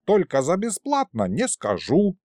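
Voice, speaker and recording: A man plays a sly ancient ghost sorcerer in an audiobook. He bargains and needles, and his pitch leaps around. The sound is dry and close. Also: big pitch swings, a little slow, darkish tone, dry recording. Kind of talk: audiobook character voice.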